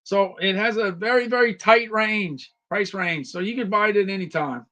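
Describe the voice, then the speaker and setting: A livestream host reviews deals in a laid-back product chat, his high voice bright and forceful at a moderate pace, though a bit worn. His talk is chatty and repetitive, and he names viewers directly as he goes.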